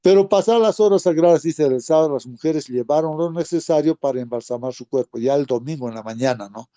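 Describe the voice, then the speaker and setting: A man's voice: a little high, quick pace, warm tone, no echo. A man giving an informal Sabbath School Bible lesson, speaking conversationally, often calling listeners brothers and asking tag questions.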